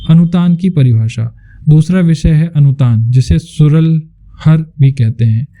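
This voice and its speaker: A man narrating a scripted lesson as a teacher, explaining in a clear, measured way. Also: fairly high pitch, warm tone.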